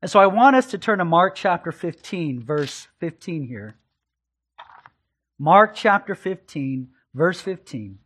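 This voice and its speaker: A pastor with a notably high voice gives an expository sermon from the pulpit. He's earnest and emphatic, often repeating a phrase for emphasis, with a sing-song, slightly slow and somewhat bright delivery.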